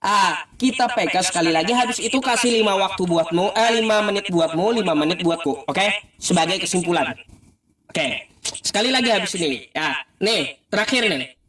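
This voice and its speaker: A high-voiced man methodically citing sources by number in a religious debate, with a teasing edge. He sounds far from the mic, and the room rings with echo. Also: lively intonation, moderate pace, a bit bright. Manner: cites sources by number, with many tag fillers, teasing.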